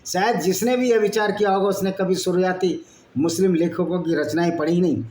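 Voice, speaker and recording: A man hosting a channel reads passages aloud and cuts in with blunt, argumentative asides. His high voice has a darkish tone, a brisk pace and fairly even intonation. The room is echoey, with faint background noise.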